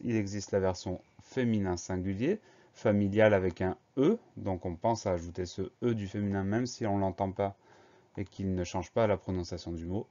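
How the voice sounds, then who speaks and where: A man's voice: on the low side, mellow, highs cut off. A man with a French accent, teaching a spelling lesson patiently and spelling each word out letter by letter.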